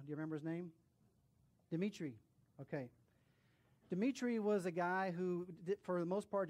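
A male pastor preaching and telling a story, animated, with hushed drops at solemn moments. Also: on the high side. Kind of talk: sermon storytelling.

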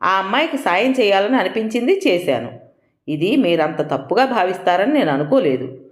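A woman's voice: mid-range voice, very animated, normal speed, roomy sound, voice pushed up, lightly acted. A woman reading the part of a young man who defends himself firmly to his uncle. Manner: defensive, firm. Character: young man, tense but firm nephew.

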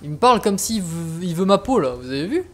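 A man's voice: sits high, very animated, brisk, soft background music. A man giving casual, sweary, exasperated commentary as he plays a video game. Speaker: let's player. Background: game ambience.

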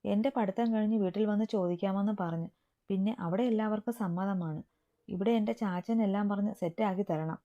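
A woman voicing a timid, soft-spoken young woman, a younger sister, in a dull lo-fi recording. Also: mid-range voice, fairly quick, lightly acted. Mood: relieved.

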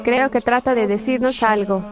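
A woman acts out a naive, kindly teen sister in a horror fan story. The voice sits fairly high and sounds slightly dull, with loud music behind it. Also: fairly even intonation, moderate pace, close to an everyday voice. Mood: earnest concern. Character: naive, kindhearted teenage sister. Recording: muffled, narrow sound under loud music.

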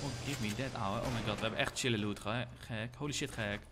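A young man, live-streaming a game, excitable and slangy, shouting when hyped. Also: mid-range voice, fast talker, crowd noise. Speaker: gaming streamer.

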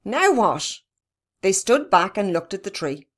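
A woman narrating a children's storybook in a steady, even reading. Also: mid-range voice, normal speed. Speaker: reader.

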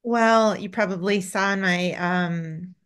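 A woman's voice: mid-range voice, steady tone, slow, clean tone. A middle-aged woman, a veterinarian, talking in a casual interview and telling animal stories with many restarts. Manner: chatty and warm about animals, storytelling with many restarts. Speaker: veterinarian and author, interview guest.

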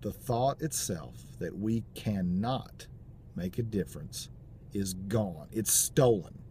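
A man's voice: on the low side, animated, slow pace, mellow, slight background noise. A man in his forties giving a motivational talk to a camera inside a car, upbeat and full of fillers. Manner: upbeat, pep-talk delivery with frequent fillers. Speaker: vlogger. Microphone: camera mounted on the dashboard.

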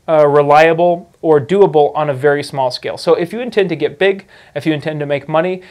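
In a studio, a man in his thirties who teaches indoor farming explains a topic to camera, speaking conversationally on a lapel mic with frequent fillers and restarts. His voice is a little high with a darkish tone.

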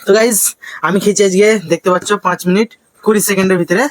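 A man's voice: high-pitched, fairly even intonation, racing, no echo, low-quality recording. A man chatting casually as an eating challenge vlogger. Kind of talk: casual vlog chat.

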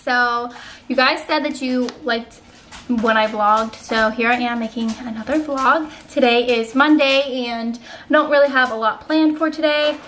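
A woman's voice: fairly high pitch, a little slow, a bit bright, slight background noise. A young woman, a stay-at-home mom, chatting casually to camera at home in a bubbly way, with lots of fillers. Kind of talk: casual vlog chat to camera. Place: family home.

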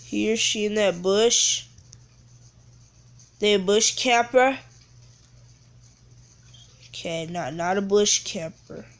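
Casual female streamer, mid-pitched, unhurried, slangy play-by-play. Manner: slangy, exclaiming, bursts into gasps and squeals. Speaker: game streamer. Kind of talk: casual gameplay commentary.

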